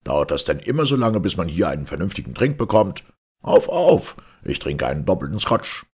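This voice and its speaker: Meet a brusque, bossy old aristocrat, as a man puts him on for a spoken storybook, his gravelly voice rising and swooping as he talks down to everyone. A condescending snob who barks his orders at the help. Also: a bass voice, animated, fairly quick, heavily acted.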